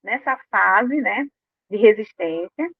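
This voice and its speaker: A woman talks informally to a live audience, animated and slipping into little acted voices. Her voice comes through thin and phone-like, with a dry sound and no room echo. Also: mid-range voice, slow pace. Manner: animated, acts out quoted inner voices. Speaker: speaker on emotional health.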